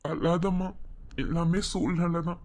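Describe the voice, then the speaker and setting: A man voicing a gentle cartoon husband with a Madurai accent. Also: a little high, flat delivery, unhurried. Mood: soothing. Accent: Madurai Tamil. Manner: soft, soothing, reassuring. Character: young husband comforting his wife and mother. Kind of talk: cartoon voice acting.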